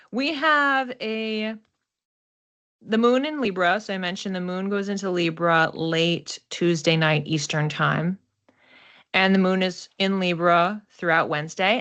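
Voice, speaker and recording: An oracle card and astrology host with a mid-range, slightly bright voice reflects aloud during a casual, unscripted reading. The recording has its highs cut off, and her tone stays conversational.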